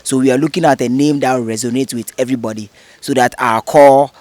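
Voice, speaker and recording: A man in his thirties speaks as an interview guest. His voice sits in a middle pitch, and he explains things earnestly and at length. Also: steady tone, fast, a little mellow, no echo. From Ghana. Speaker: interview guest, head of a cleanup group. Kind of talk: casual interview.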